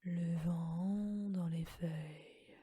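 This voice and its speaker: A woman whispering a guided relaxation meditation in a soft, calm voice. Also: fairly low pitch, very slow, husky, no room sound, studio quality.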